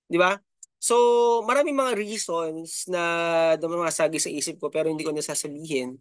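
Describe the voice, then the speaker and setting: A middle-aged man from the Philippines runs a YouTube channel and delivers casual commentary in a fairly high, fairly bright voice at a fairly quick clip. He's talkative, filler-heavy, and fond of tag questions such as "no?" and "di ba?". Studio-quality recording, no echo.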